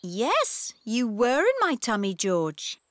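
Patient cartoon mummy pig. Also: female voice, fairly high pitch, takes it slowly, no echo, clean studio sound, exaggerated voice. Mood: gentle. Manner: calm, kindly storytelling tone. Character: gentle mother pig, calm and patient. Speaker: mother in a children's cartoon. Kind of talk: cartoon voice acting.

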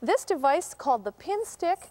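A woman working as a wolf handler, calmly and patiently explaining what she does during an educational broadcast. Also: high voice, moderate pace, dry recording. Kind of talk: educational live broadcast demonstration.

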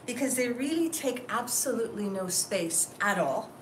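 A woman's voice: a little high, expressive, moderate pace. Woman host, chatty styling demo, distant mic in an echoey, noisy room. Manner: chatty, keeps asking "okay?". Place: clothing store.

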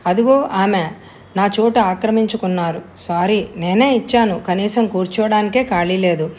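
A woman's voice: medium pitch, moderate pace, darkish tone, close to an everyday voice. A woman reading a storybook, voicing a courteous young woman who speaks earnestly and politely. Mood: gentle. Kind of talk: audiobook character voice.

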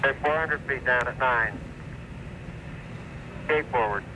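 A man's voice: medium pitch, slow pace. A man reading terse, clipped flight callouts as an astronaut, heard through a crackly space radio transmission with beeps. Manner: clipped, businesslike number readouts. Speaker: astronaut piloting the lander. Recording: noisy archival radio downlink.

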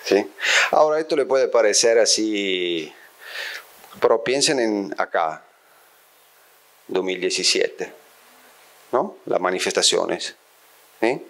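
In a cozy bookshelf-lined room, a middle-aged Italian-born man addresses a seated audience in a university-style lecture, holding the microphone close. His very low voice is animated and a little bright. Thinking aloud, he stops often to make sure everyone is following.

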